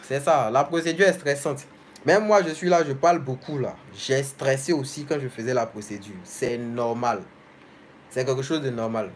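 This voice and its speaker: A man's voice: mid-range voice, moderate pace, a little hiss or hum. A young man hosting a casual live stream, reading viewers' comments aloud and answering each one directly and familiarly.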